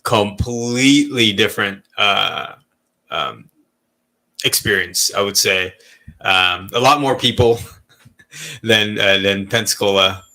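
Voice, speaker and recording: A man's voice: on the low side, takes it slowly, pauses often, bright, forceful tone. A man in his thirties from Malaysia, telling stories in a candid, rambling way as a podcast co-host in casual chat. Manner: candid, rambling storytelling with frequent swearing and laughs.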